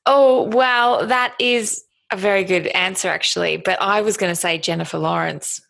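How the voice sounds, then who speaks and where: A woman's voice: mid-range voice, moderate pace, creaky, fairly bright tone. A woman co-hosting a podcast, chatting casually with dry, teasing humor. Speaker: podcast co-host.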